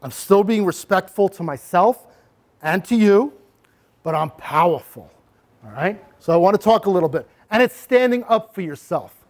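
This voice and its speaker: A man presenting a bully prevention workshop to parents and children, animated and acting out examples as he goes. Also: high voice, normal speed. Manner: animated, acts out examples with sudden voice changes. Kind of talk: interactive workshop talk to parents and kids.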